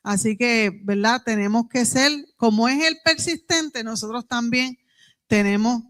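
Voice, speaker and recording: A Puerto Rican woman leads a church Bible class. Her voice sits a little high, and she speaks in an earnest, conversational way. She keeps checking in with her listeners. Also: a little slow, a bit bright. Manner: earnest, conversational, with many "¿verdad?" tags. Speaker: Bible school teacher.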